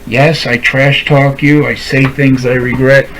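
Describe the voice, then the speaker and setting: A man's voice: medium pitch, little pitch movement, measured pace, fairly bright tone, slight background noise, rough recording. A man speaking straight to camera in a heartfelt, pleading monologue that keeps circling back on itself. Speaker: vlogger. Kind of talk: emotional direct-to-camera monologue.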